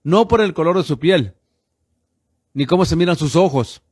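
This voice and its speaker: A man's voice: fairly high pitch, lively intonation, normal speed, a little mellow, slightly rough, dry recording, studio quality. Fervent radio pastor, a man in his fifties. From United States. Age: 50s. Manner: fervent, insistent, keeps calling listeners "brother". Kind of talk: preaching radio talk.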